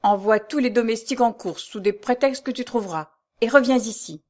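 A woman reading aloud, voicing a melancholy, jealous nobleman in her own middle-pitched voice, slow and sad. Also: natural voice. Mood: grave.

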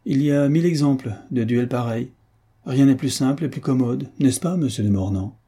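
A man's voice: medium pitch, normal speed, warm tone, slightly rough, voice pushed up. A man voicing a young duke who answers curtly and coldly. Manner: curt, cold. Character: young duke, cold and curt.

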